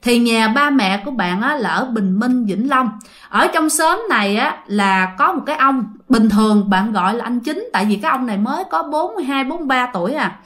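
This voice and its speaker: Fairly quick and animated, this storyteller host has a slightly high, somewhat bright voice and a Southern Vietnamese accent. She tells listeners' ghost stories in a chatty way, talking straight to the people watching.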